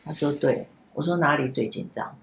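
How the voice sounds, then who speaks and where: A woman, an after-school center director, telling a story gently and vividly in a casual podcast chat. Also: low voice, moderate pace, a little hiss or hum. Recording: echoey room.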